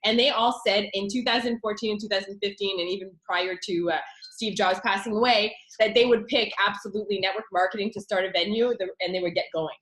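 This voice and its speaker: A woman pitching her network marketing business in an excited, chatty way, with many fillers. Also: fast talker. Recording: echoey room.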